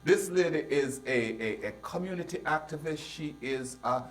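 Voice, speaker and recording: A man's voice: a little high, lively intonation, moderate pace, distant mic. A man hosting a casual panel, rambling with many restarts. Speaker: host.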